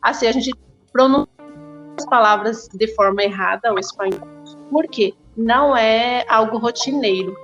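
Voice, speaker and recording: A woman's voice: a little high, a bit bright, lo-fi sound. A woman from the Brazil–Paraguay border, a schoolteacher speaking as a guest from her school over a remote call, thoughtful and hesitant, with many fillers. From Brazil–Paraguay border, Mato Grosso do Sul. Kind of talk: casual interview answers.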